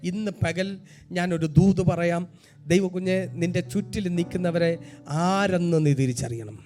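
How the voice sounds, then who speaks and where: A man with a Malayali accent, a pastor preaching a Pentecostal sermon that swings from hushed storytelling to shouted exhortation, peppered with amens and hallelujahs. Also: sits high, measured pace, faint music behind. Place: church sanctuary.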